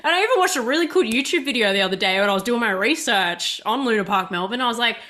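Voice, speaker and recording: A woman's voice: on the high side, expressive, bright, forceful tone. A woman interviewing musicians in an upbeat, giggly chat. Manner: giggly, upbeat, quick to laugh. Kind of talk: casual chat.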